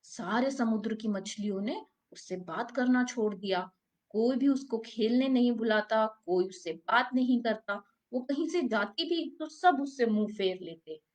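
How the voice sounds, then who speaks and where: A woman teacher telling a story to young children, gently asking them questions along the way. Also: a little high, a little slow. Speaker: preschool teacher.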